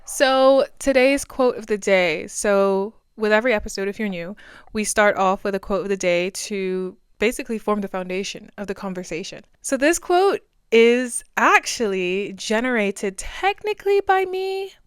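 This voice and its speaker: Young woman, twenties, solo podcast host; chatty and rambling, very clean smooth voice, dry close sound. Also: medium pitch, expressive, moderate pace, no room sound. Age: 20s. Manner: chatty, rambling, self-deprecating.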